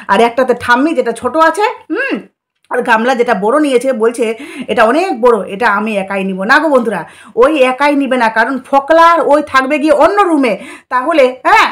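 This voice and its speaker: A high-pitched woman hosts a gossip commentary vlog. She speaks directly to her audience in a conspiratorial way. Her delivery is full of rhetorical questions and knowing asides. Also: fairly bright tone. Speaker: vlogger.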